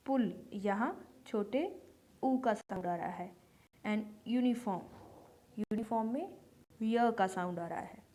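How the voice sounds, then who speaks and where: A woman gives a slow, patient phonics lesson. She sits a little high in pitch and repeats each example word. Her pace stays unhurried throughout. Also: a little mellow. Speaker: English teacher.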